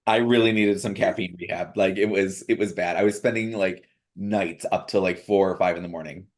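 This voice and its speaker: Low-voiced guy cohosting a podcast, dry jokey comments, laid back chat. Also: fairly even intonation, brisk. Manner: dry, joking asides. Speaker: podcast co-host. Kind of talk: casual chat.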